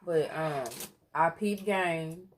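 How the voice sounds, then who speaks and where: A woman co-hosting a seafood eating video, chatting casually and earnestly about her relationship, and at times breaking into loud exclamations. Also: fairly low pitch, slow pace, slight background noise. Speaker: mukbang co-host. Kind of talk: casual chat while eating. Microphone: close mic for eating sounds.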